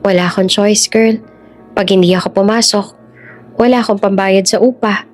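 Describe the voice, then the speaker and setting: A woman voicing a weary, resilient young mother who speaks softly and tiredly. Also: mid-range voice, fairly even intonation, normal speed, faint music behind, close to an everyday voice. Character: Ella, weary young pregnant waitress, resilient.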